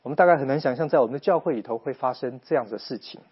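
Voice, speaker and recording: A man giving an earnest, measured Bible teaching talk with rhetorical questions, on a slightly dull, lo-fi recording. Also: mid-range voice, husky. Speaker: preacher.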